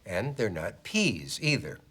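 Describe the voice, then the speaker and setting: A man's voice: fairly low pitch, big pitch swings, slow, sharp tone, breathy edge, exaggerated voice. An actor playing a good-natured older man, a longtime station employee, in a sitcom. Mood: easygoing. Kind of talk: sitcom acting.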